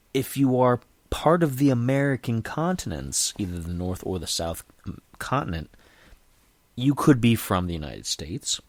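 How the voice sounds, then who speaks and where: A man's voice: medium pitch, no echo. A man hosting a podcast in a casual, digressive monologue, earnestly reassuring his listeners and often restarting his sentences. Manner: chatty, digressive, often restarts and self-corrects. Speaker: podcast host.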